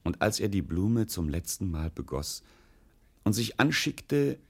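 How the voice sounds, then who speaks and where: A man narrating a scripted children's story in a gravelly, husky voice. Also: deep voice, sing-song, unhurried.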